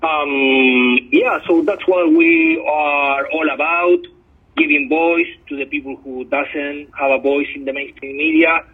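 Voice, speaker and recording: Over a tinny phone connection, a guest journalist from Chile is interviewed, speaking earnestly but with many hesitant ums. He has a fairly high, husky voice that is animated yet unhurried.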